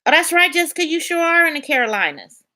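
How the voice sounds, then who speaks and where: Bright-voiced woman chatting on a livestream. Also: extremely high pitch, sing-song, quick pace. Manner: chatty, colloquial, talks to viewers by name. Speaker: livestream host reading chat. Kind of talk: casual live-stream chat.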